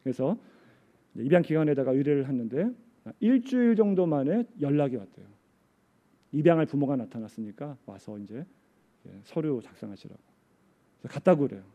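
A man preaching a sermon in a high, mellow voice. He is middle-aged and tells his stories with feeling, often pausing to check in with his congregation. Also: expressive, muffled recording. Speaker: pastor.

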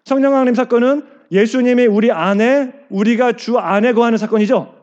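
A man's voice: very high-pitched, brisk, a little mellow, highs cut off. A male pastor preaching a sermon, asking the congregation questions and answering them himself, and acting out quoted lines.

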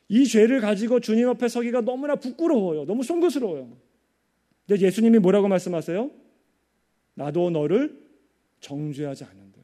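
A male pastor preaching a sermon earnestly, with many rhetorical questions and quiet, hushed passages. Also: high-pitched.

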